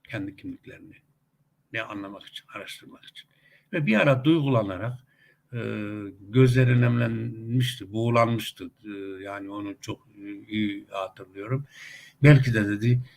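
A middle-aged man talks through his commentary in a gravelly, husky voice. He chats along with frequent hesitation sounds and now and then climbs into emphatic, rising outbursts. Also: medium pitch. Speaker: commentator on a web TV channel. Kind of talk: casual spoken commentary with anecdotes.

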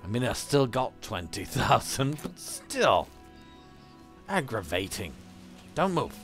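A man's voice: medium pitch, very animated, slow, a bit bright, faint music behind. A man casually commenting on his own gameplay in a let's play, muttering and laid-back, now and then swearing.

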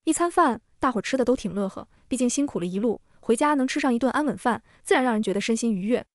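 Brisk woman narrating an audio comic. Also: on the high side, lively intonation, no room sound, clean studio sound. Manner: brisk storytelling.

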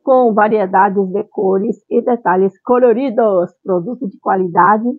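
A woman's voice: medium pitch, measured pace, no echo. A middle-aged woman hosting a chatty vlog in a playful, cutesy streamer manner, recorded on a camera at home. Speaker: vlog channel host. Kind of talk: chatty vlog product presentation with cute Japanese greetings. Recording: dull lo-fi camera sound.

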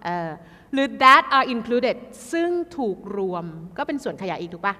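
A woman tutoring an exam class in a lively, chatty way, addressing students like kids. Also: on the high side, measured pace, in a large hall.

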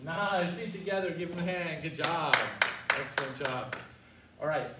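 A man's voice: fairly high pitch, fairly even intonation, moderate pace. Older male karate instructor, roomy and distant. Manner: commanding, instructional, calling out short counted cues. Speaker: martial arts instructor. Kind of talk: karate lesson with call-and-response drills. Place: large martial arts studio, indoors. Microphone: far camera. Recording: roomy, distant mic with faint noise.

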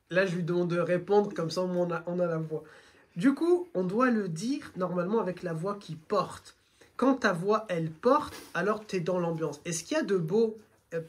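Guy guiding a group on a train, lively teacher vibe, keeps asking questions. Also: high-pitched. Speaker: religious guide. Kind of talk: explaining to a travelling group. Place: train carriage.

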